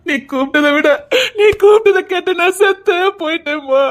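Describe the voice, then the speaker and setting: A tender, weeping father with a Tirunelveli accent, as a woman acts him out, speaking in a high voice. He soothes his child through his own tears. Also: moderate pace. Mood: tearful. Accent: Tirunelveli Tamil. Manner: tender, tearful. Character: tearful loving father reunited with daughter.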